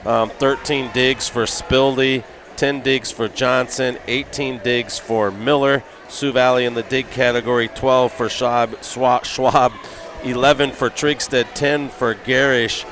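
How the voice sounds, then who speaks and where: Steady man reading volleyball stats. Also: mid-range voice, measured pace, a little hiss or hum. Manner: steady, reads stats methodically. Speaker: color commentator. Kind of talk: volleyball color commentary.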